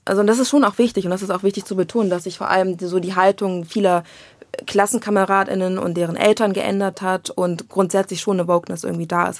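A woman's voice: lowish voice, no echo. A young woman from Berlin with a Berlin German accent, talking candidly and reflectively as an interview guest. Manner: candid, reflective, slangy, quotes others in lively voices. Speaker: children's book and screenwriter, interview guest. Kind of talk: casual conversational interview.

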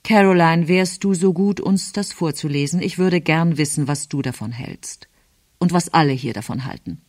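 A woman reading aloud, voicing a composed aristocratic count who speaks in a measured, coolly demanding way. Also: sits low, darkish tone, no echo, studio quality.

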